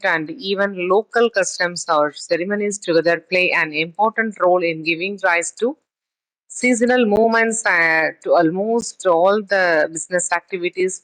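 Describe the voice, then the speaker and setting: A woman's voice: mid-range voice, fairly bright tone, rough recording. A woman giving a recorded statistics lecture, reading from a text and then explaining it in her own words, with frequent fillers and restarts. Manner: halting, with many fillers and restarts.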